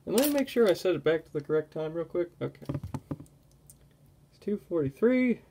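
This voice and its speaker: A young man giving a casual watch review at home, relaxed and rambling, often breaking off mid-thought. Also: a little high, brisk, noisy background. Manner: relaxed, rambling, self-interrupting. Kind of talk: casual product review vlog.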